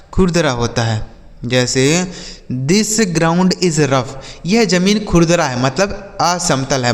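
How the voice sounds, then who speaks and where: Man, somewhat high voice, spells letters, repeats slowly, echo trailing off. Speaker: English teacher. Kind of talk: vocabulary lesson for children.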